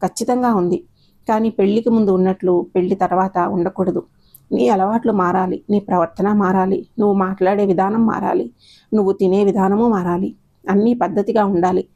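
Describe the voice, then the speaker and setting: A stern older mother lays down the rules to her daughter in a low, even storybook voice, reproachful and lecturing, as a woman reads her part. The tone stays mellow and unhurried throughout. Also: highs cut off, lightly acted. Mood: firm. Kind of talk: storybook narration, acted dialogue.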